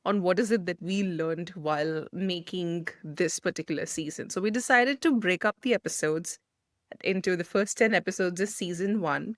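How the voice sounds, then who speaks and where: A woman's voice: on the low side, normal speed, no echo, studio quality. A woman born and raised in India, co-hosting a podcast and telling stories in a chatty, enthusiastic way. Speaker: podcast co-host. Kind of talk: casual chat.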